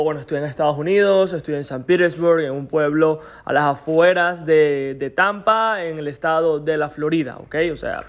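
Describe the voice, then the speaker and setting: A man in his thirties talks alone into a podcast mic and tells a personal story. His voice sits high for a man, and his tone is loose and conversational. He keeps pausing to make sure the listener is following. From Venezuela. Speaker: podcast host. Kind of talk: casual podcast monologue.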